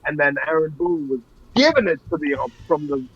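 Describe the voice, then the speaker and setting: A man's voice: fairly high pitch, a little fast, breathy edge, no echo. A man in his fifties, a show producer, chatting casually on a podcast and rambling through stories. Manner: rambling, animated storyteller. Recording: dull lo-fi sound.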